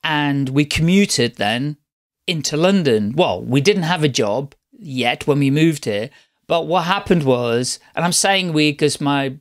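A middle-aged man tells his own story as a podcast guest. His voice sits a little high for a man, and he rambles warmly from one point to the next, often restarting his sentences. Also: lively intonation, unhurried. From Netherlands. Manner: chatty, rambling, with frequent restarts. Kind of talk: casual interview storytelling.

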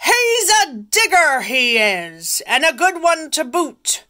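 A woman voicing a rowdy chorus of male pirates in a picture book read aloud, shouting their lines. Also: high voice, measured pace, creaky, voice pushed up, exaggerated voice.

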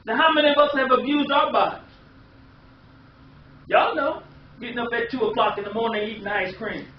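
A middle-aged American man preaches a sermon emphatically, repeating phrases and asking rhetorical questions, in an extremely high-pitched voice that's a little fast. A distant camera microphone in a small indoor room makes the audio echoey, muffled and hissy.

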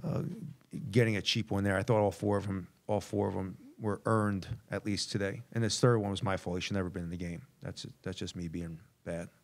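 A man's voice: sits low, steady tone, a little fast. A middle-aged man, a basketball head coach, answering reporters candidly at a postgame press conference, repeating words as he thinks, into a table mic.

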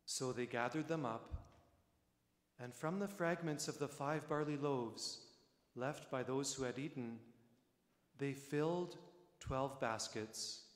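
A man reads scripture in a slow, solemn, deliberate cadence, each phrase set apart. His voice sits in a cathedral echo, with a long reverb ringing out through a large stone church. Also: mid-range voice. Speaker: priest reading the Gospel. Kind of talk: solemn liturgical reading.

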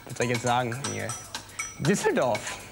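A man's voice: medium pitch, sing-song, normal speed, creaky. A young man as a game show contestant, giving short answers and chatting casually in a TV studio. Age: young adult. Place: TV studio with audience. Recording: 1990s TV broadcast with music behind.

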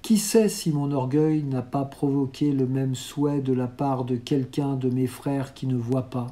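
A reader narrating a classic novel aloud in a measured, unhurried literary reading. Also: medium pitch, flat delivery, mellow. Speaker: audiobook reader.

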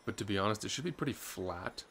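Over game music and a lot of noise, a gaming channel host talks fast about his own gameplay, cheerful and chatty with some gamer slang. His voice is on the low side and expressive.

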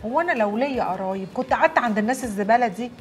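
A woman's voice: fairly high pitch, expressive, racing, soft background music, lightly acted. An actress with an Egyptian accent playing a betrayed young working woman in a TV drama, given to wailing curses. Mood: glum. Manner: wailing curses when distraught. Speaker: maid in a TV drama. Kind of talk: Egyptian TV series acting.

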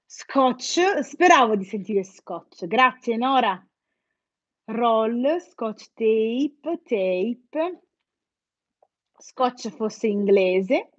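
A woman hosts a live English quiz, teasing and joking with her students as she reads their answers. Her voice sits fairly high. The stream audio is dry and muffled, with a lo-fi, dull tone. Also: expressive, drawn-out words, dry recording. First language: Italian. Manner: playful, teasing, jokes with students. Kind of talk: live-stream lesson, chatting with viewers.

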